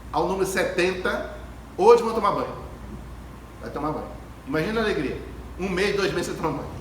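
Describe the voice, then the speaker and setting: A man with a fairly bright, somewhat high voice delivers a reflective spiritual lecture at a Spiritist gathering, telling stories emphatically with repeated phrases and rhetorical questions. He speaks before an audience in an ecumenical hall. The echoey recording comes from a distant phone camera, with clear background noise.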